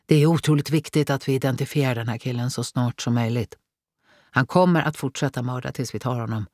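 A woman reading an audiobook, voicing a male police chief who briskly commands a murder briefing. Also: rumbling low, darkish tone, dry recording, studio quality. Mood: commanding.

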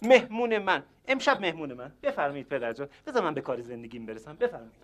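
An actor playing a male hotel clerk who is overly polite and flattering but keeps insisting that guests leave, in a sitcom. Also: fairly high pitch. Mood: coaxing. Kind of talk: sitcom acting.

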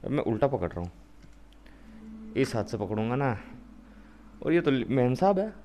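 A man giving jokey, excitable commentary on a virtual reality game. He taunts the zombies and then apologizes to them. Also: mid-range voice, moderate pace, slight background noise. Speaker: gamer. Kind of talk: casual VR gameplay commentary.

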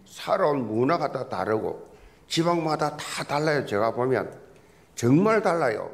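A pastor preaching a Sunday sermon in a church, telling folksy jokes as he goes. His voice is gravelly with a strong rasp, and his pitch swings widely from high to low. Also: sing-song, a little slow. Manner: folksy, joking storyteller. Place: church sanctuary.

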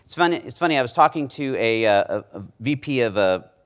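A middle-aged man giving a conference keynote on a large stage, speaking emphatically into a lapel mic and dropping low on key words. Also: expressive, fairly quick.

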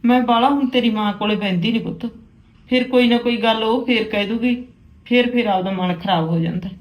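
A woman playing an aunt in a family drama, scolding and bitter, then soft and tearful. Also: fairly high pitch, a little fast, echoey room, rough recording. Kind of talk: Punjabi domestic drama acting.

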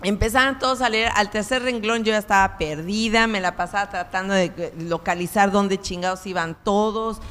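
A woman's voice: mid-range voice, steady tone, moderate pace, hardly any pauses, fairly bright tone, long reverb tail. A woman giving a conversational public lecture, full of fillers and "¿no?" tags.

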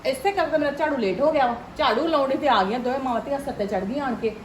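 A woman playing a sharp-tongued, defiant middle-aged mother-in-law who scolds loudly and sarcastically. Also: high-pitched, quick pace, roomy sound, a little hiss or hum, close to an everyday voice. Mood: complaining. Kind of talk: acted family drama.

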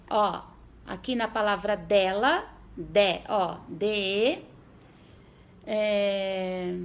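A Brazilian Portuguese woman with a high voice teaches first graders their letters. She speaks slowly and patiently, sounding out each syllable and often checking that the children are following. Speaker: primary school teacher. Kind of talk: remote literacy lesson for first graders.

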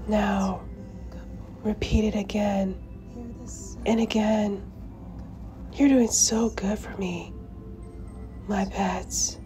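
A woman murmurs an ASMR role-play of guided hypnosis in a soft, breathy spa-like soft voice. Her delivery is very unhurried, with long pauses, soothing yet in command. Music plays clearly behind her. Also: medium pitch.

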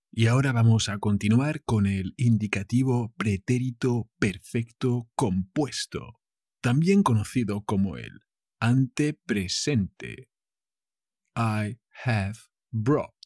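A man with a Castilian Spanish accent teaching verbs slowly, with playful asides. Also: on the low side, breathy edge, no room sound, clean studio sound. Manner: slow and drawn-out, playful asides. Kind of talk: slow language lesson, switching Spanish and English.

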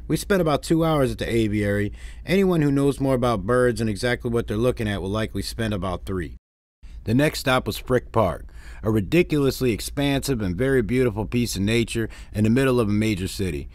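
A man's voice: medium pitch, fairly quick, a little mellow, no room sound. A man from Detroit narrating a family road-trip vlog in a plainspoken, wry way, with dry complaints. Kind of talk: narrated travel recap.

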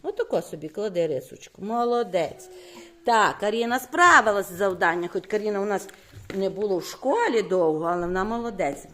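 A woman teaching a classroom of young children, questioning quickly and praising often. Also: mid-range voice, animated, a bit bright. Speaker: primary school teacher.

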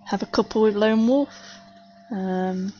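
A woman's voice: medium pitch, a little slow, dark tone, lo-fi sound, slight background noise. A woman from the UK chatting casually while streaming a game, hiccuping as she plays. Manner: chatty, talking to a teammate while playing. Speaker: gaming streamer. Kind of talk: casual gameplay commentary.

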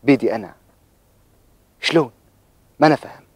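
A man acts out a troubled, lovestruck Bedouin in a TV drama. His voice sits at an average pitch and is recorded dry. He speaks Bedouin Arabic earnestly and with some hesitation. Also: a little fast, darkish tone, husky, no echo, close to an everyday voice. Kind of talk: television drama acting.

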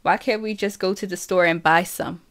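A woman's voice: fairly low pitch, fairly even intonation, moderate pace, close to an everyday voice. A woman voicing an easygoing, teasing teenage boy in an audiobook reading, with a laid-back, plain delivery.

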